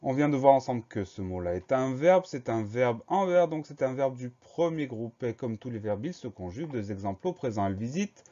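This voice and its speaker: A male teacher giving a spelling lesson for primary pupils, spelling words out slowly letter by letter. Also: medium pitch, expressive, warm tone. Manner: slow, careful letter-by-letter spelling. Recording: slightly dull lo-fi recording.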